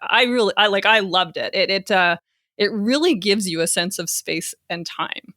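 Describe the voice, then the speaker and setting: A woman's voice: medium pitch, lively intonation, normal speed, sharp tone, no room sound, studio quality. Laughing woman podcast host from Alberta. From Southern Alberta, Canada. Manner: enthusiastic, laughs often. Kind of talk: casual interview chat.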